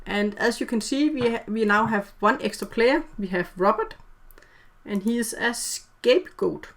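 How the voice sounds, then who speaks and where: Woman storyteller with a fairly high voice, chatty, laughs easily, talking over a video call. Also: normal speed. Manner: chatty, laughs often, explains rules plainly. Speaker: game storyteller. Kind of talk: running an online social deduction game.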